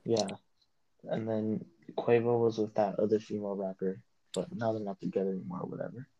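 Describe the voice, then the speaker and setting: Hesitant young man, mellow dull-sounding podcast voice. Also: on the low side, little pitch movement, fairly quick. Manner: hesitant, lots of fillers and restarts. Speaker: podcast co-host. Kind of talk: casual chat.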